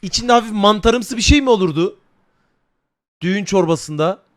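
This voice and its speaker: A young man, chatting loudly and crudely with his live stream viewers, joking and swearing freely. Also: high voice, moderate pace. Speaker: livestreamer.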